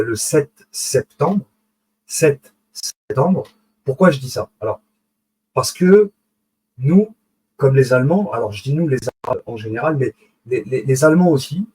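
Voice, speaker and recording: Man, husky voice, middle pitch, casual live lecture, restarts and self-corrections, frequent check-ins with listeners. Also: darkish tone, low-quality recording. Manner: digressive, self-correcting, many fillers and restarts. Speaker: online lecturer on esoteric symbolism.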